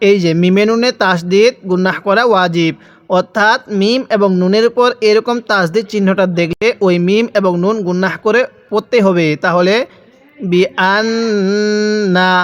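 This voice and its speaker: A man's voice: sits high, clean tone. A male teacher from Bangladesh with a Bangladeshi Bengali accent, giving a recitation lesson, spelling out syllables one by one and having viewers repeat after him.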